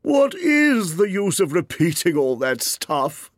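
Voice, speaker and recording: Weepy fussy mock turtle, slow and draggy, high and wobbly, a man putting it on. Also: sing-song, dry recording, clean studio sound, full character voice. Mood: complaining. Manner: slow, drawn-out, whiny. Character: mournful, fussy, sobbing mock turtle creature.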